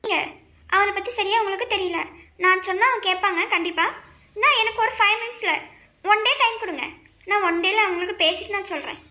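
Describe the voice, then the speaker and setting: A woman's voice: very high voice, a little fast, bright, forceful tone. A woman voicing an anxious young wife in a cartoon family drama, pleading and coaxing her husband.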